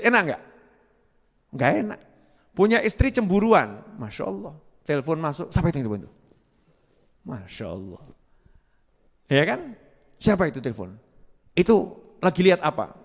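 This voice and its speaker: Male preacher, high-pitched, sermon full of rhetorical questions and repetition, long hall reverb. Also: a bit bright. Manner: asks the audience rhetorical questions and repeats key words. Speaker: Islamic preacher.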